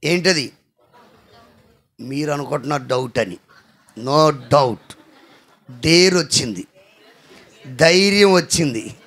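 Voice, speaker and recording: A male pastor preaching a sermon, telling stories with lively shouted emphasis and calling on the congregation to answer. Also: on the high side, takes it slowly, long pauses. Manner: animated storytelling with shouted emphasis; asks the congregation to respond.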